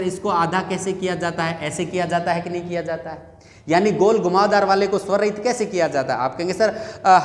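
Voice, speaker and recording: A male teacher giving a lesson, drilling students with repeated questions and answers. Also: high voice. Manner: repetitive call-and-response drilling. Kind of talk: classroom lesson. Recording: echoey long-reverb room.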